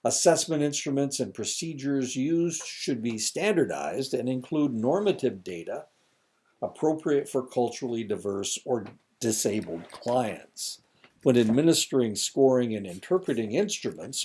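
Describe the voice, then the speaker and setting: A man's voice: medium pitch, darkish tone. A man giving a recorded lecture, reading points aloud with casual asides and fillers, his throat a little dry.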